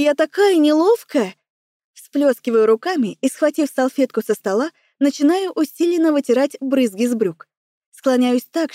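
A woman's voice: high-pitched, warm tone, dry recording. A woman narrating a first-person story in a wry, self-assured way, close to the mic. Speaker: audiobook narrator.

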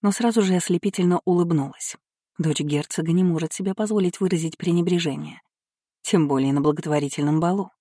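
An audiobook narrator reading a period novel in an even, measured way. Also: medium pitch, no room sound, clean studio sound. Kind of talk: scripted narration.

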